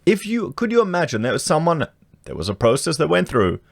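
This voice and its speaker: A man's voice: fairly high pitch, huge pitch swings, a little fast, creaky, dry recording, clean studio sound. Indignant Australian man reading the news. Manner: indignant, rhetorical questions, colloquial slang. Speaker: commentary vlogger. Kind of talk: reading news aloud with opinionated commentary. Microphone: podcast microphone.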